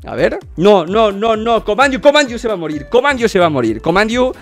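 Lively high-voiced man reacting excitedly. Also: a little fast, music in the background. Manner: exclamatory, repeats words, laughs often. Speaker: reaction video host.

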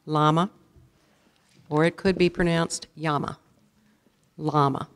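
A woman serving as a spelling bee pronouncer in a school auditorium, saying each word slowly and deliberately and reading out definitions. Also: sits low. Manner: slow, deliberate, repeats each word clearly.

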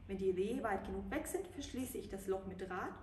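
Brief: woman reading a bossy but good-hearted gnome, brisk and direct, in a roomy space with light hiss. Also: mid-range voice, darkish tone, natural voice. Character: male gnome, gruff at first but kind. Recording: roomy, distant mic, faint hiss.

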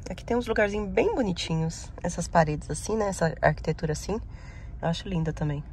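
A woman's voice: fairly low pitch, fast, darkish tone, a little hiss or hum. A woman chatting casually to camera, affectionate and laughing often, filmed in her car and at home. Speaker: vlogger and mother. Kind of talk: casual vlog chat.

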